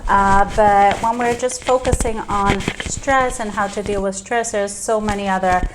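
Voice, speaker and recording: Calm woman psychiatrist explaining. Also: medium pitch, unhurried, background noise. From Serbia. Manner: calm, explanatory, many ums and you-knows. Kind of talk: interview answers.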